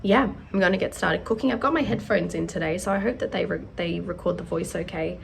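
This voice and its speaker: Young Australian woman vlogger, sick, gravelly and lowish, rambling casual talk, noisy room. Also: fast. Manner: rambling, with many fillers. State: sick, losing her voice. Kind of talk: casual chat. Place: home kitchen. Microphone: wireless clip-on mic. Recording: noisy home recording.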